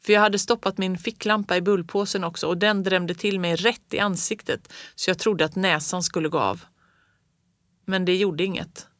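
Audiobook reader, first-person children's story, bright tone, dry close studio sound. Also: medium pitch, steady tone, dry recording. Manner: first-person narration as a child looking back. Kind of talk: storytelling narration of a children's book.

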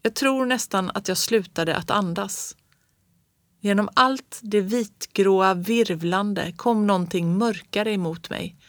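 A woman reading a children's story aloud in the first person with calm, measured storytelling. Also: medium pitch, dry recording, studio quality. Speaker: audiobook reader.

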